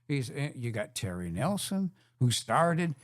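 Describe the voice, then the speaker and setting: A man's voice: medium pitch, big pitch swings, measured pace, dry recording, clean studio sound. A man, an actor guest in a casual interview, earnest with a joking side.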